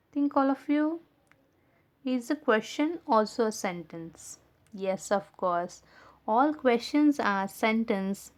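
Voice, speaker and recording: Slow, patient woman teaching young children. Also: fairly high pitch. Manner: slow, patient, repeats and checks understanding; stresses key words slowly. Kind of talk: recorded English lesson for young children.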